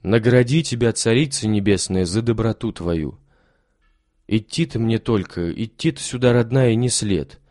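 A man's voice: lowish voice, moderate pace, darkish tone, no echo, clean studio sound, close to an everyday voice. A man voicing a timid, humble old soldier who talks meekly and gratefully in a storybook reading. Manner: meek, pious, grateful.

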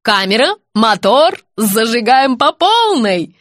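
A woman reading an audiobook, voicing a brisk, pushy female television director giving orders on set. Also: medium pitch, big pitch swings, fairly bright tone, no echo, clean studio sound. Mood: commanding. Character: fussy bossy woman TV director.

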